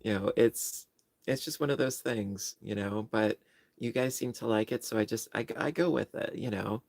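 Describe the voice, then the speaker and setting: This lowish, slightly mellow, creaky male voice moves at a moderate pace with no room sound. It belongs to a New York livestream host with a New York accent who chats casually, rambles, and makes jokes at his own expense.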